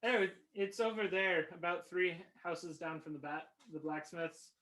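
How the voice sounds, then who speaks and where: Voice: medium pitch, normal speed, fairly bright tone, lightly acted. A game master playing a friendly male mage from a fantasy town, who talks hesitantly and laughs often.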